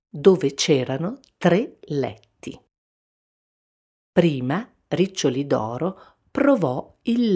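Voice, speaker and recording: A woman reads a children's fairy tale aloud at a very slow, deliberate pace. Her voice is rather low but moves through a wide, lively melody. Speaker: storyteller. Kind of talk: children's storybook narration.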